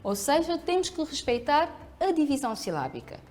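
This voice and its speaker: A woman teacher with a European Portuguese accent, giving a televised school lesson, speaking clearly and patiently, asking the pupils questions and answering them herself. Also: high-pitched, sing-song, normal speed, a little mellow.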